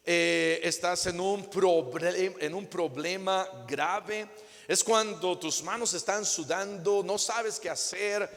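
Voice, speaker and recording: A male pastor, preaching a sermon and acting out little dialogues in lively voices. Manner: acts out quoted dialogue with shifting pitch and loudness. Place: church. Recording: long hall reverb.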